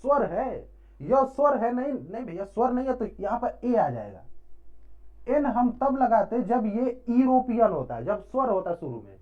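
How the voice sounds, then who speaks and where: A man's voice: extremely high pitch, big pitch swings, normal speed. A man teaching an English grammar lesson, asking questions and answering them himself with frequent short check-ins. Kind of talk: classroom-style grammar lesson. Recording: dull lo-fi recording.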